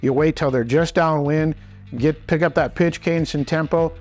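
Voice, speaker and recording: A man's voice: on the high side, steady tone, normal speed, over loud music. A man in his forties gives an informal, plain-spoken instructional talk to camera, explaining things in a folksy way. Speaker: instructor and presenter. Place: small indoor wooden workshop.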